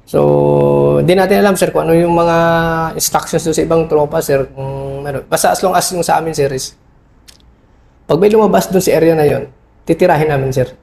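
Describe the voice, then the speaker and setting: A middle-aged man, an army officer, recounting a battle in an interview, halting and full of fillers, respectfully calling his listener sir. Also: on the high side, expressive, creaky, dark tone. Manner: respectful toward a senior officer. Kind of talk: interview recollection.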